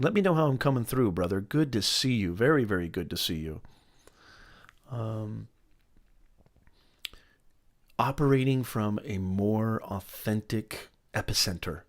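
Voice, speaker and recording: A man's voice: fairly low pitch, moderate pace. A middle-aged man hosting a motivational live stream, talking emphatically, repeating his points and greeting viewers by name.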